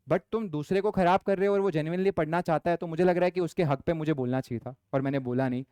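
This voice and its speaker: A young male lecturer, his voice smooth and clear and pitched a little high. He mixes Hindi and as he teaches, talking firmly to the class and slowing down to read exam questions. The sound is dry and close, with no room echo. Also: darkish tone. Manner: Hindi-English mix, firm scolding, reads questions aloud slowly. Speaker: commerce lecturer.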